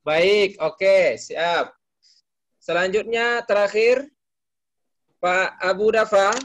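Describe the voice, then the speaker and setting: Male teacher, high voice, patient and methodical, quizzes the class. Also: fairly even intonation, drawn-out words, a bit bright. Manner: patient, explains step by step and quizzes students by name. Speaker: Arabic teacher. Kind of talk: online class, teaching Arabic phrases.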